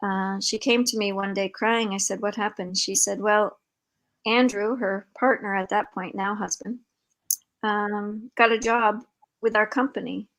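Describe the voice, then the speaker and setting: An older woman hosting a live video-call interview, talking in a warm, rambling way with many fillers. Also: medium pitch, steady tone, unhurried, poor audio. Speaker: host and founder of an organization. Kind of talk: casual conversational interview.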